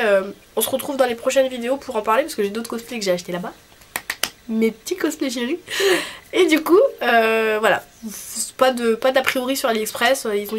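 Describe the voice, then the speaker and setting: A young woman with a blocked nose and a honking, nasal voice, chatting casually and rambling informally as a vlogger. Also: on the high side. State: congested with a cold. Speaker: cosplay vlogger. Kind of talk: casual video chat. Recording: clearly noisy background.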